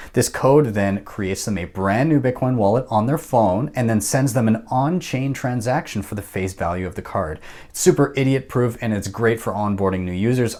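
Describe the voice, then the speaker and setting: Working from a home office with a studio mic and headphones, a thirty-something man hosts a casual podcast interview. His fairly low voice has a darkish tone, and he keeps things upbeat and conversational, dropping in filler words.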